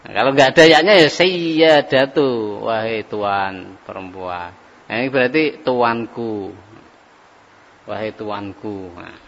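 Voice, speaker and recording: A man leads an Arabic grammar class, stretching each phrase out slowly as he drills it. The recording is muffled and lo-fi. His voice trails off into a long hall reverb. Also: fairly low pitch, fairly bright tone, a little hiss or hum. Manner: slow, drawn-out drilling of phrases. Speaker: Arabic teacher.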